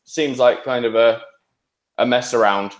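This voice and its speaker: A man's voice: mid-range voice, steady tone, measured pace. Man chatting casually in an echoey room. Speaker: podcast panellist. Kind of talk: casual chat about TV shows. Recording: roomy, echoing sound.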